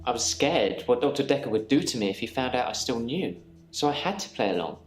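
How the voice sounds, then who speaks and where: An actor in a live-action mystery game playing a troubled male patient who calmly recounts reliving the same day. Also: medium pitch, a little fast, lightly acted. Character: troubled male patient haunted by repeating days. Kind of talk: scripted game dialogue. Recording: roomy with game music.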